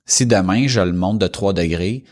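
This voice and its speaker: A man's voice: low voice, moderate pace. A man with a Québécois accent in a casual, reflective conversation, explaining ideas with everyday examples. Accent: Québécois French.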